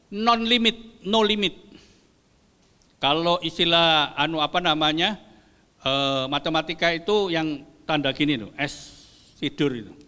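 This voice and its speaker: Older male pastor, bright high voice, playful preaching with long hall reverb. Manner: lively, joking with the congregation, mixing in Javanese. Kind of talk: sermon. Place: church hall.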